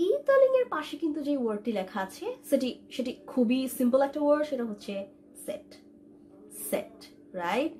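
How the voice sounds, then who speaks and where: A woman's voice: sits high, big pitch swings, fast, hardly any pauses, warm tone, a little hiss or hum. A young woman from Bangladesh, a language instructor giving an online lesson, patiently repeating vowel sounds and mixing in English.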